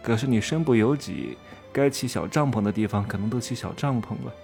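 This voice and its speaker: A man with a low, gravelly voice and a lilt talks straight to his viewers. He teases them and keeps throwing out rhetorical questions. Soft music plays faintly under him. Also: animated, fairly quick. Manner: provocative, rhetorical questions, teasing. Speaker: self-styled commentator. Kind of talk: casual monologue commentary.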